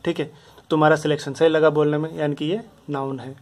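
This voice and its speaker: Male grammar teacher, fairly high voice, patient step-by-step repetition. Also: flat delivery, fast. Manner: repetitive, explains step by step with many examples. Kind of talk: casual Hindi lesson explanation.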